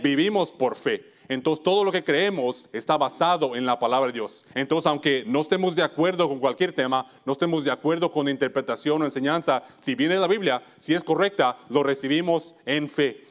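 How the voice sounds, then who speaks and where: A man's voice: on the high side, a little fast, few pauses. A man from Wisconsin preaching a church sermon, earnest, often stopping to restart and correct himself mid-phrase. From United States (Wisconsin).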